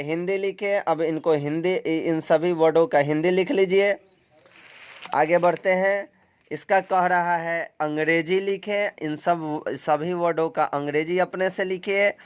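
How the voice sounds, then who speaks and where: A man's voice: on the high side, smooth. A man from India, talking students through a recorded English vocabulary lesson step by step in a plain instructive tone. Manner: plain instructive tone, repeats steps, some filler sounds. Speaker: English teacher.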